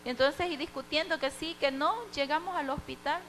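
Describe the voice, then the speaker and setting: A woman's voice: high voice, normal speed, fairly bright tone, a little hiss or hum, rough recording. A young woman giving a heartfelt church testimony, acting out the dialogue as she tells it.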